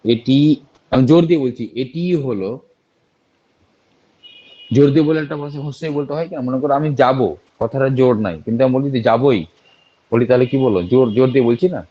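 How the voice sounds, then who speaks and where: A man teaches a math lesson at a fast clip. He works through each step, asks the students rhetorical questions and warns them about careless errors. The recording is dull and lo-fi. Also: mid-range voice, mellow. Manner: repeats steps and keeps warning students about careless slips. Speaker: math tutor. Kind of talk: exam-prep math lesson.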